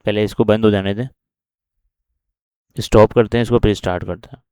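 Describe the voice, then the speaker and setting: A man's voice: fairly low pitch, steady tone, a little fast, warm tone, clear, resonant tone, no room sound, clean studio sound. A man with a Pakistani accent teaching a coding lesson while recording his screen, walking through each step and often checking in with the listener.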